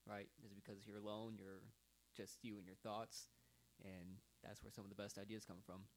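A man chatting casually and relaxed as a co-host. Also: fairly low pitch, moderate pace, slight background noise, low-quality recording. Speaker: podcast co-host. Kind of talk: casual chat.

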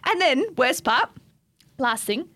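A woman's voice: high-pitched, slow pace. A young woman with an Australian accent, co-hosting a casual podcast chat, telling stories with lots of swearing and laughter. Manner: swears freely, laughs often, tells animated stories. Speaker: podcast co-host.

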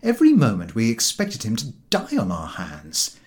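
A man narrates a humorous story as an audiobook reader, telling it in a wry, expressive way. His voice is mid-range and his pace moderate.

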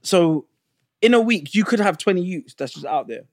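A man's voice: high-pitched, animated, normal speed, no echo, clean studio sound. A man, joking around as a podcast co-host and repeating words for comic effect. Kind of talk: casual banter.

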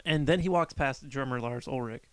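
Smooth-voiced man recapping a film casually. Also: mid-range voice, normal speed, no echo. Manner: relaxed storytelling with fillers. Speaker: podcast co-host. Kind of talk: casual chat about a film.

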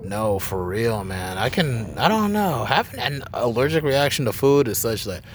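Lively, slangy podcast host man. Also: mid-range voice, normal speed, a little hiss or hum. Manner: slangy, easygoing, laughs often. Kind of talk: casual chat.

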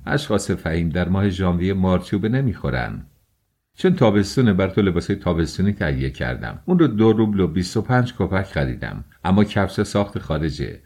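A man's voice: deep voice, darkish tone, full character voice. A man reading the lines of an eager, talkative young friend who fusses over a sick companion in an audiobook. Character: cheerful fussing young male friend.

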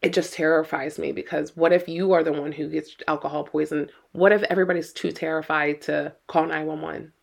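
A woman's voice: deep voice, flat delivery, a little fast, gravelly, few pauses. A middle-aged woman co-hosting a podcast as a mother, talking earnestly and with worry, often repeating her words. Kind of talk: casual podcast chat.

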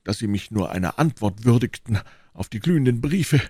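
A man's voice: medium pitch, expressive, normal speed, a little mellow, breathy edge, dry recording, studio quality, pitched above the performer's own voice. A man voicing a proud, boastful nobleman musketeer in a storybook reading, pompous and declamatory. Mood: aggrieved boastful.

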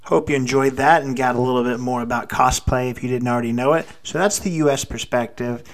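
Halting man hosting a podcast. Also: mid-range voice, fairly even intonation. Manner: halting, restarts words often. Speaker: podcast host. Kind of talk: casual interview.

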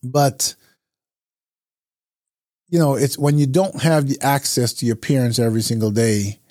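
A man from Barbados hosts his own podcast alone, talking in a relaxed, reflective way and pausing on fillers as he thinks. His voice sits at a middle pitch and is recorded dry and close, with no room sound. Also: no room sound. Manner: reflective, conversational, with frequent fillers. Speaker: podcast host. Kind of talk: casual solo podcast talk.

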